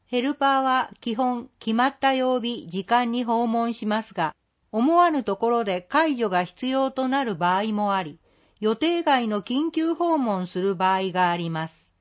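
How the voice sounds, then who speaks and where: A woman reading a scripted community announcement in a polite, measured, formal way. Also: on the high side, animated, muffled recording. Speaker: care facility staff announcer.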